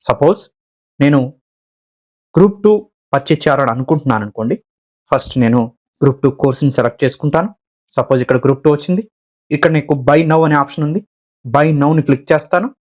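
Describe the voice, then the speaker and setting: A man's voice: a little high, quick pace, pauses often, a little mellow. A man with a Telugu accent narrating a step-by-step website tutorial, mixing English terms into Telugu, on a dull lo-fi recording. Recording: dull, lo-fi sound.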